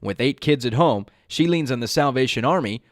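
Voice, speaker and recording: Male news reporter, American accent, medium pitch, scripted package narration. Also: animated, brisk, no room sound, studio quality.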